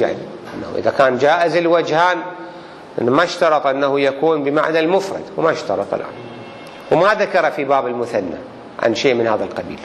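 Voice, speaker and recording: A man teaching a grammar class as a religious teacher, explaining slowly and deliberately with examples. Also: fairly high pitch. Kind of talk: classroom lesson on Arabic grammar. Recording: reverberant hall, faint background noise.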